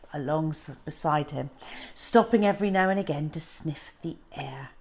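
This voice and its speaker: Switching back and forth between informal talk and lively narration, a deep-voiced woman reads a children's story aloud as a storytime host.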